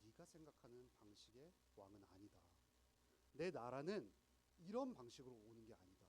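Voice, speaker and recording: A man voicing a calm, dignified humble king who speaks in measured declarations. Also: mid-range voice, slightly rough, pitched below the performer's own voice.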